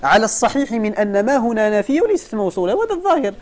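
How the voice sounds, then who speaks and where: A man's voice: high-pitched, very animated, rapid-fire. A man with a Moroccan accent teaching a lesson, explaining a text step by step and putting questions to his students. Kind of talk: lesson commentary.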